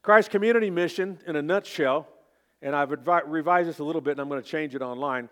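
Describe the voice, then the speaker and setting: A man's voice: fairly high pitch, fast talker. A man in his fifties with an Oklahoma accent, preaching as a pastor in a folksy, informal, self-deprecating way. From Oklahoma, United States. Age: 50s. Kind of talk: sermon.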